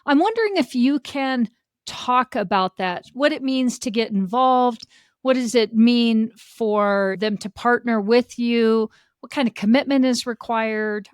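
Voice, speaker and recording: A woman's voice: a little high, measured pace, clear, resonant tone, dry recording, studio quality. A woman hosting a podcast interview, asking long questions and affirming her guest often. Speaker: podcast host.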